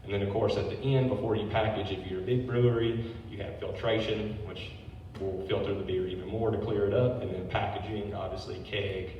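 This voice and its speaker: Reading from his notes at a fairly quick clip with hardly any pauses, the man keeps his low voice fairly even, adding casual asides now and then. He owns a brewery and is delivering a public history talk. The sound is lo-fi, captured by a distant mic in a very echoey hall with faint noise.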